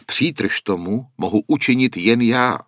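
A man's voice: medium pitch, animated, a bit bright, dry recording, clean studio sound, pitched above the performer's own voice, lightly acted. A man voicing an old wandering painter who explains in an earnest, solemn way. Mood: grave. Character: old wandering male painter, grave and worried.

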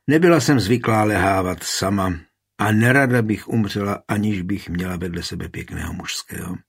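A frail, tender queen on her deathbed, speaking low and quiet with a husky, breathy edge, voiced by a male audiobook reader. The voice sits deep and hushed, fading into soft, intimate words. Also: heavily acted. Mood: tender, weak. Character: dying queen, tender and frank. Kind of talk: audiobook reading.

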